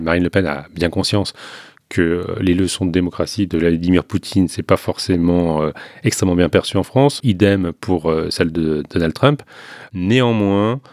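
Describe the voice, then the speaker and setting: A male political journalist giving measured, analytical news commentary with frequent hesitations. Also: sits low, darkish tone, no echo, studio quality.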